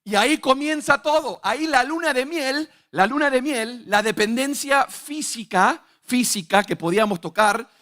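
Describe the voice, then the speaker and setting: High-voiced young man preaching a sermon. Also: normal speed, few pauses, a bit bright. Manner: emphatic, rhetorical questions to the congregation.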